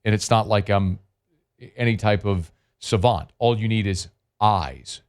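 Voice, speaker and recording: A man hosting a sports talk radio show, chatting energetically with frequent fillers and quick asides, on a studio microphone. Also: lowish voice.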